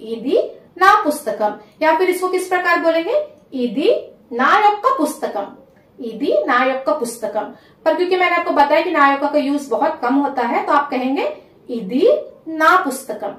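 A woman teaching a spoken language lesson, saying each phrase slowly and repeating it so learners can take notes. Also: high voice, fairly bright tone. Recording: echoey room, a bit far from the mic.

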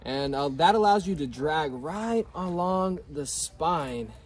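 Hosting an outdoor cooking vlog, a man chats casually in an upbeat way, saying "y'all" a lot. He talks slowly, with a slightly high voice and lively intonation.

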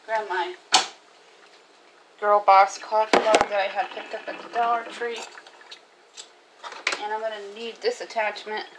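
A woman's voice: mid-range voice, flat delivery, unhurried, pauses often. Chatty woman narrating kitchen chores. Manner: chatty, homey, talks while working. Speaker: homemaker vlogger. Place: small home kitchen, indoors. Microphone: phone camera propped on the counter. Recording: loud kitchen noise, phone mic. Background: running water and clattering dishes.

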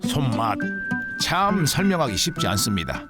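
A man's voice: mid-range voice, sing-song, moderate pace, over loud music. A man with a Jeolla accent narrating a documentary in a chatty, exclamatory way. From Jeolla, Korea.

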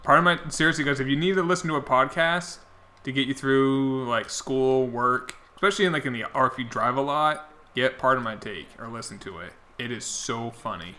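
A young man with a mid-range, sharp-toned voice talks fairly quickly as he streams a baseball video game. He chats casually with viewers, his voice worn and slipping away.

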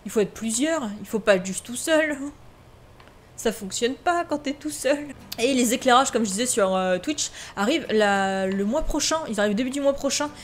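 A woman's voice: fairly high pitch, lively intonation, normal speed, slight background noise. Chatty woman gaming host. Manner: chatty, talks straight to viewers, reads game prompts aloud. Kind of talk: casual let's-play commentary.

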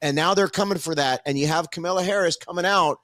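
A man's voice: a little high, fast, fairly bright tone, dry recording. A man co-hosting a political talk show, explaining his views earnestly with frequent restarts. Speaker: co-host. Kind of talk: casual political commentary.

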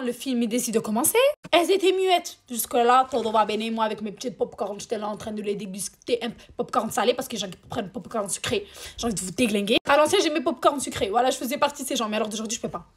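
A woman telling a storytime to camera, animated and crude, with slang, swearing and exasperated asides. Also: a little high, husky. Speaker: storytime vlogger.

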